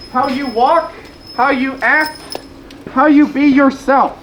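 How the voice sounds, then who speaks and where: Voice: high-pitched, a bit bright. A panel host at a fan convention, talking to a live audience in a playful, teasing way and calling people up on stage. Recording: echoey room, faint noise.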